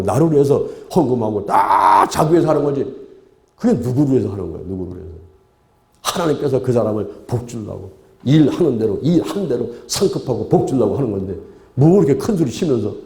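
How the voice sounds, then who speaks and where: A male pastor delivers a sermon with insistent repetition and frequent rhetorical questions to his listeners. His voice is dark and mellow, and his pitch swings widely. The recording has a roomy hall echo. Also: gravelly.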